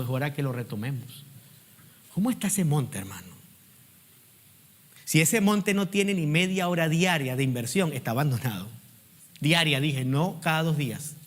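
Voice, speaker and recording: A middle-aged man preaching a sermon as pastor, urging the congregation to repeat after him and swinging from loud emphatic peaks to quiet asides. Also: a little high. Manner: preaching with call-and-response prompts to the congregation.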